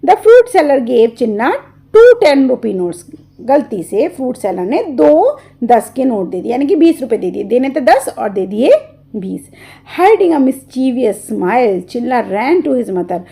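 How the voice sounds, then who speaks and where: A woman's voice: fairly high pitch, creaky, dark tone, breathy edge. A woman tutor who reads each line of a story and then explains it in a lesson.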